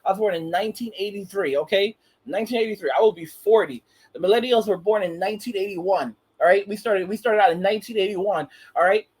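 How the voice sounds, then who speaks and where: A man's voice: high voice, quick pace, slightly rough. A man in his late thirties hosting his own channel, giving casual rambling commentary and often restarting his phrases. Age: 30s. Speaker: channel host.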